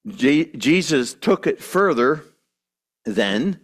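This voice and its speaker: A man's voice: mid-range voice, sing-song, takes it slowly. A man preaching a sermon to his congregation, earnest and emphatic, with restarts and asides. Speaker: pastor.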